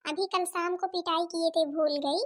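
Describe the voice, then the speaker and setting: A scheming, shrewish aunt in a cartoon, played by a woman, scolding and sarcastic in a very high, shrill voice. Her Awadhi accent colors every sharp remark. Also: steady tone, normal speed. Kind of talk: cartoon voice acting.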